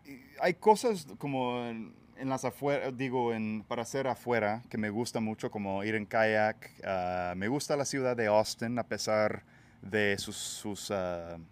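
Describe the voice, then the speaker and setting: A Texan man, a native English speaker, hosts a casual podcast chat outdoors beside a pool. His lowish, smooth voice moves at an unhurried pace, relaxed and hesitant, full of fillers and restarts.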